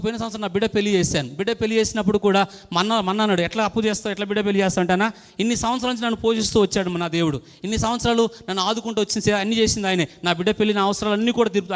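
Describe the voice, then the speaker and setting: A man's voice: high-pitched, long reverb tail. A middle-aged male pastor giving a fervent testimony sermon, with many restarts. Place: church hall.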